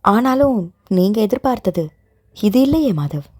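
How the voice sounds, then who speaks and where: A woman's voice: fairly high pitch, sing-song, a little slow, darkish tone, no echo, studio quality. A woman voicing a young woman in love who speaks with pleading emotion. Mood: sorrowful. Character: young woman, tearful guilt-ridden heroine.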